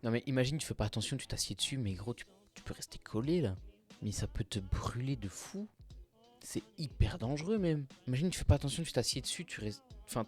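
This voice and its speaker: A man's voice: medium pitch, darkish tone. A young man hosting a casual reaction video, talking in slang, sounding exasperated and mumbling asides.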